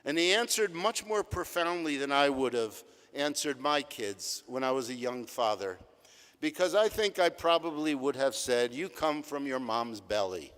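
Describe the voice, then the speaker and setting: An older man, a rabbi, giving a reflective sermon that tells stories and leans on measured emphasis. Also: fairly high pitch, a bit bright, smooth. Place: large synagogue sanctuary. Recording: long hall reverb.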